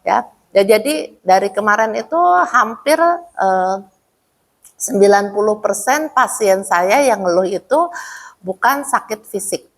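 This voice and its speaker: Husky-voiced woman giving a chatty talk. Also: mid-range voice, lively intonation, measured pace. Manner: chatty, addresses listeners as "Bu", acts out quoted mothers. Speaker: health speaker at a women's study group. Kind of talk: casual teaching talk. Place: prayer room.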